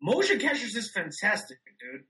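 Man, podcast co-host, casual rambling chat, bright tone, higher pitch, remote call mic. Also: wildly swooping pitch, normal speed, low-quality recording. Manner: rambling, loose, many "like" fillers, laid-back storytelling. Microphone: remote call microphone.

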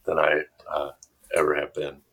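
A man's voice: extremely low pitch, monotone, normal speed, a bit bright, breathy edge, poor audio. A man in his fifties from upstate New York, a podcast guest chatting casually and self-deprecatingly about his life. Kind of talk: casual interview chat.

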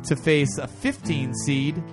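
Animated man co-hosting a rock chat. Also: fairly high pitch, slow, over loud music. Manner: playful announcer voice when reading matchups. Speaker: podcast co-host. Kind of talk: casual chat, bracket rundown.

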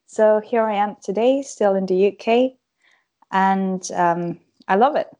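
A woman's voice: medium pitch, unhurried, dark tone. A 21-year-old woman from Croatia, chatting as a podcast guest, giggling often and filling her talk with "like". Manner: giggly, chatty, many "like" fillers. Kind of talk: casual podcast interview.

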